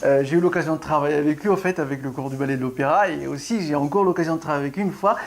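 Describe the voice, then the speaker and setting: A middle-aged ballet class pianist giving a casual video lesson, talking in a halting way with many restarts while showing rhythm and breathing. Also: medium pitch.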